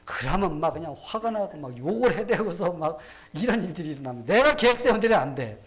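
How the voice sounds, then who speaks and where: A man's voice: fairly high pitch, sing-song, fairly quick. A man from Korea preaching a sermon as pastor, asking rhetorical questions and acting out quoted people. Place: church sanctuary.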